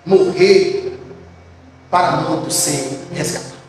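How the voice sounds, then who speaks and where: A male pastor preaching a sermon to his church, swinging between loud preaching and quiet storytelling. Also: a little high, steady tone, takes it slowly. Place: church sanctuary. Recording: echoey church hall from far off, with music.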